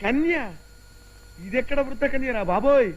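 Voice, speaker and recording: High-voiced priest, dramatic wailing, exasperated, film comedy. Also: male voice, moderate pace, highs cut off. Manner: wails and laments dramatically. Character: reluctant young priest, excitable, loudly wailing. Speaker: priest asked to perform a wedding.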